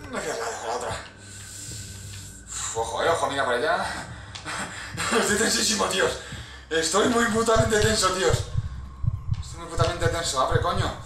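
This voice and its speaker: A man's voice: fairly high pitch, lively intonation, normal speed, pauses often, bright, forceful tone, roomy sound, distant mic, a little hiss or hum, low-quality recording. A man with an accent from Spain nervously commentating a horror game, swearing a lot and yelping at scares. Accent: Spain Spanish. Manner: jumpy, swearing, nervous chatter with sudden yelps. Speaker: gaming youtuber.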